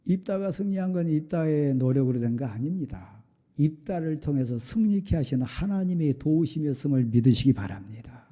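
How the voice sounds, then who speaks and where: A middle-aged male pastor preaching a sermon, firing off rhetorical questions and sometimes dropping to a soft confessional tone. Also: fairly high pitch, expressive, a little fast. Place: church sanctuary.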